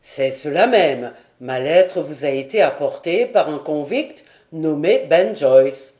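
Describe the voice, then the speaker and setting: Woman reader as a lordly gentleman, vehement and urgent, louder, lower, slow. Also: animated. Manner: forceful, urgent questions. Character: commanding lord, agitated and vehement.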